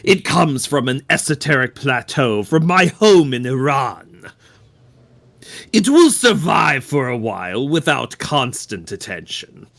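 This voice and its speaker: A man plays a theatrical game villain, devout and menacing. He speaks very slowly with a gravelly creak, dwelling on each solemn phrase with dramatic swings of pitch. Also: big pitch swings, fairly bright tone, exaggerated voice. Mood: solemn menace. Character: slow, menacing, devout male villain obsessed with gods. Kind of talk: dramatic video game character read-aloud.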